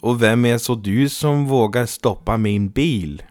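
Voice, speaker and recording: A man's voice: mid-range voice, darkish tone, no room sound, lightly acted. A man voicing a formal young count, polite and easily flustered.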